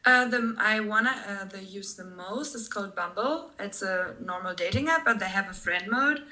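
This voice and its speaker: A woman's voice: mid-range voice, moderate pace, pushed and bright, poor audio. A young woman from Germany with a German accent, chatting casually as an interview guest and laughing often between direct answers. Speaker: guest, former tour guide.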